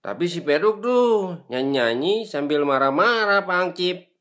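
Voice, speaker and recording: A man's voice: sits high, expressive, unhurried, fairly bright tone. A man with a Sundanese accent voicing a cheeky young male night watchman in a motion comic, mocking his friends in banter. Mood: teasing.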